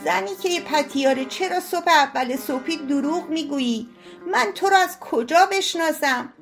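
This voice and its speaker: A woman's voice: high voice, gravelly, a bit bright, soft background music, pitched above the performer's own voice. A woman voicing a sly male servant who answers glibly and mockingly. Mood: scornful. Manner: glib, mocking, feigning innocence. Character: sly, cool-headed male household servant.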